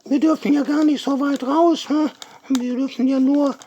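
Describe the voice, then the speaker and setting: Man putting on a high, scratchy chattering hen. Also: steady tone, normal speed, mellow. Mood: chatty, clucking. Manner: interjects clucks and quacks between phrases. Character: chatty, grumbling female hen puppet, put-on cackling voice. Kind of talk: children's puppet show.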